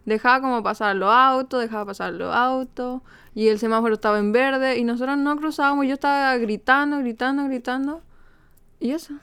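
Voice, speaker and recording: High, smooth-voiced Chilean woman. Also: steady tone, a bit bright. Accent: Chilean Spanish. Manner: indignant storytelling, quick to anger. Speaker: podcast co-host. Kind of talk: casual chat.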